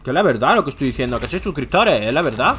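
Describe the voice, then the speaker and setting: Young gamer dude, super animated and theatrical, bright voice, faint hum behind. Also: male voice, medium pitch, rapid-fire. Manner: animated, theatrical, calls his brother "hermanito". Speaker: gaming YouTuber. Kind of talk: playful gameplay banter.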